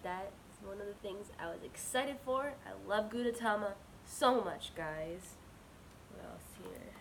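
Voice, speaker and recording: Woman, slow pace, mid pitch, gushing casual unboxing chat, slightly sick voice, faint noise behind. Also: creaky. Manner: gushing, bubbly, drawn-out words. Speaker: unboxing vlogger.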